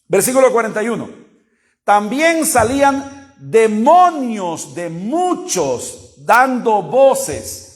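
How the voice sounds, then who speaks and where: A man preaching a sermon, reading passages aloud and explaining them point by point. His voice sits high and moves with lively swings of pitch. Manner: explanatory, reads scripture aloud and compares versions.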